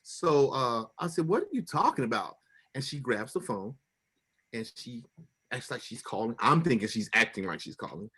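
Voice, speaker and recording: Animated middle-aged man retelling a painful story. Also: moderate pace, husky. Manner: animated, acts out quoted voices with big pitch jumps. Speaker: guest telling his story. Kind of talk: emotional personal storytelling.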